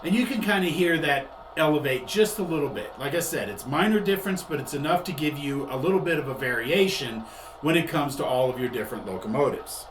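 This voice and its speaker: A man hosts a product demonstration tutorial, talking briskly in a slightly high voice. He explains things conversationally and frequently rewords his points. The recording has echo and faint background noise.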